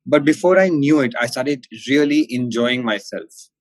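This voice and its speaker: Interview guest: male, posh Indian accent, formal and articulate, pausing to think, very dry close sound. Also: medium pitch, lively intonation, dry recording. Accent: posh educated Indian. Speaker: interview guest, company managing director. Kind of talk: interview answers, considered and explanatory.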